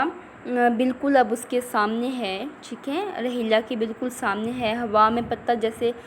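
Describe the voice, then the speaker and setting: Slow, patient woman teacher. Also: on the high side, slight background noise, rough recording. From Pakistan. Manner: reads English lines slowly, then explains in Urdu-Hindi. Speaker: schoolteacher. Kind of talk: recorded English lesson for young children.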